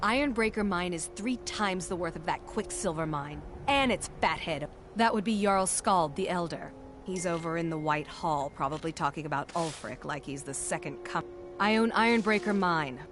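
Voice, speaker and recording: A woman's voice: fairly low pitch, lively intonation, moderate pace, noisy background, lightly acted. A woman playing a proud, blunt mine owner in a fantasy video game, matter-of-fact and dryly scornful. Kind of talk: video game character dialogue.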